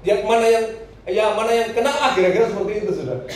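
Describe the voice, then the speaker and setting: A man's voice: high voice, steady tone, quick pace. A man preaching a sermon to a congregation, telling a personal story and laughing between phrases. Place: church hall. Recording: echoey hall, voice from a distance.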